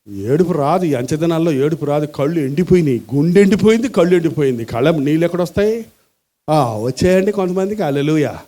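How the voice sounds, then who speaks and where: A man's voice: a little high, warm tone. An older man preaching a sermon, pleading and acting out little scenes in quoted voices. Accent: Telugu. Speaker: pastor.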